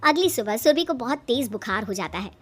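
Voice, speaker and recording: A woman's voice: fairly high pitch, animated, brisk. A woman narrating a cartoon story in a plain storybook manner.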